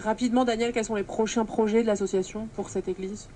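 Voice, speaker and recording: A woman's voice: mid-range voice, steady tone, quick pace, dark tone. A woman doing a chatty, jokey live report and interview from inside a large church, with hallway-like echo. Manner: chatty, jokey, addressing viewers. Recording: noisy echoing church interior, construction din.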